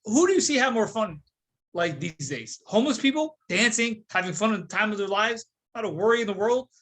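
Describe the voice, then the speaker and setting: Bright-voiced young man joking around. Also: high-pitched, fairly quick. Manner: joking, animated storyteller. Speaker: podcast co-host. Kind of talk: casual chat.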